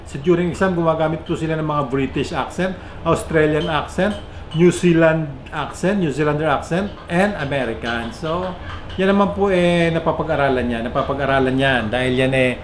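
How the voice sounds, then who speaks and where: A Filipino man with a Filipino accent talks to his viewers in a chatty vlog, switching between English and Filipino. His voice sits a little high and keeps jumping up and down in pitch and loudness. The recording sounds roomy and echoey, with a faint hiss behind it. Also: normal speed. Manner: pitch and loudness swing up and down a lot. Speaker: vlogger. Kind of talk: casual vlog explainer. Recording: echoey room with faint background noise.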